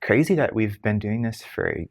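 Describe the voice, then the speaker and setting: A man co-hosting a casual podcast, talking in a lively, self-teasing way and jumping up in pitch for emphasis. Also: normal speed, vocal fry, slightly rough. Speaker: podcast co-host. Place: podcast recording space with camera crew. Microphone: microphone.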